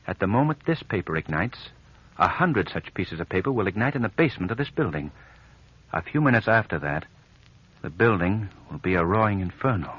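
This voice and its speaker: An actor playing a mysterious, commanding crime-fighter in a theatrical 1940s radio mystery style, precise and menacing. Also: male voice, low-pitched, lively intonation, fairly quick, husky. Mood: puzzled, tense. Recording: dull old-time radio recording.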